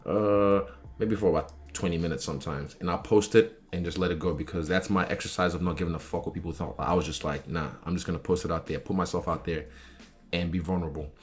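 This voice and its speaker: Deep-voiced young man chatting candidly. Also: fairly even intonation, fast talker. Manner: candid, informal, swears freely. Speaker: professional fighter talking about his interests. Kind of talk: casual chat answering interview questions.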